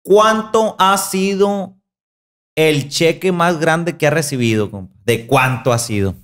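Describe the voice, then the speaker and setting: A young man with a Sinaloa Mexican Spanish accent hosting a podcast in a small studio, relaxed and full of slang. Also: a little high. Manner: slangy, relaxed, quick interjections. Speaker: podcast host. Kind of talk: casual chat. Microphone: studio mic on boom arm, headphones.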